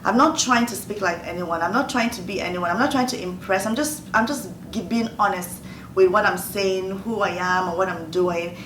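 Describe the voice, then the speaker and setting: The host of a motivational Q&A talk is a Nigerian woman in her fifties, earnest in her advice and given to repeating key phrases. She speaks at a moderate pace in a mid-range, fairly bright voice, recorded in a roomy space with the mic well back and faint noise.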